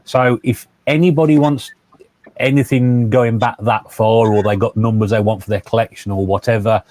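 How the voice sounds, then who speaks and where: A man's voice: fairly low pitch, steady tone, moderate pace, darkish tone, no room sound. A man trading on a live video stream, talking casually and hesitantly, repeating his words. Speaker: guest trader. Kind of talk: casual livestream chat.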